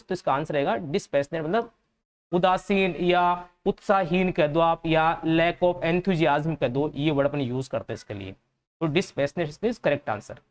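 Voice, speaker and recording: A man with a Hindi accent teaching an English vocabulary class for exam students. He explains each answer patiently and says the key words and their meanings more than once. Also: sits high.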